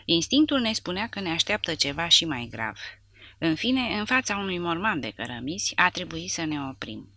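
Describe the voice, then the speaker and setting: A woman's voice: fairly low pitch, sing-song, bright, forceful tone, no echo. A woman reading a war novel aloud as an audiobook narrator, with dramatic storytelling delivery. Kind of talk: scripted narration.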